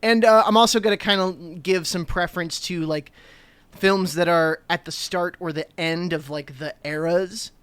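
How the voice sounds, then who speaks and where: In casual chat on a podcast he co-hosts, a New Jersey man in his thirties talks enthusiastically, rambling with many fillers. His high voice is steady, a bit bright, and clean, at a moderate pace. No room sound is present.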